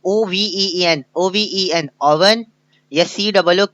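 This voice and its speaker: A male kindergarten teacher, walking through a worksheet, spelling each English word letter by letter and translating it, slowing down to model sentences. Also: high-pitched, a bit bright, no room sound, highs cut off. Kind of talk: recorded worksheet lesson.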